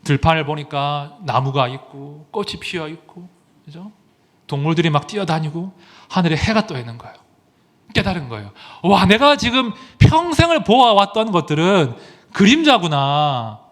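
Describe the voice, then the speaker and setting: A male pastor preaching a sermon, telling a story with lively rises and drops and asking the congregation questions. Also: fairly high pitch, normal speed.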